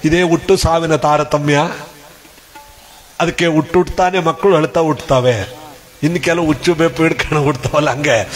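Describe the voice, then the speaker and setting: A man telling a humorous devotional discourse, lively and acting out villagers' voices. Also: on the high side, normal speed, long pauses, music in the background. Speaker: devotional storyteller.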